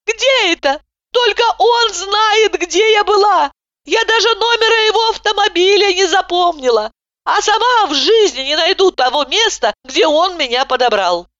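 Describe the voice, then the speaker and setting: A woman voicing an excitable, indignant young woman who yells in outrage. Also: moderate pace, no echo, dull audio. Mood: wailing. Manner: shrill, yelling.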